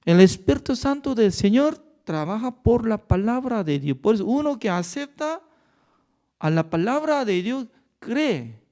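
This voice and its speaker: Un pastor con acento coreano, de lengua materna coreana, que enseña un estudio bíblico con énfasis y preguntas retóricas. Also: male voice, high-pitched, very animated, measured pace, mellow. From Korea. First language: Korean. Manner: emphatic, with rhetorical questions and non-native grammar. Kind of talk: Bible study teaching.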